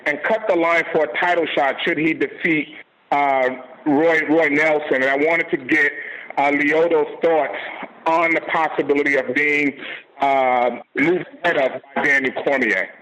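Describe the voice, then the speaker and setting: A man, a reporter asking questions over a phone line in halting, hesitant phrases. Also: a little high, fairly even intonation, bright, forceful tone. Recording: muffled phone line with faint noise.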